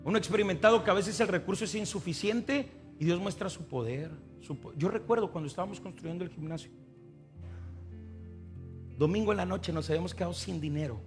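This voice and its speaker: A Mexican pastor with a high-sitting male voice preaches a sermon at a fairly quick pace over soft background music. He tells stories and acts out dialogue before building up to emphatic appeals.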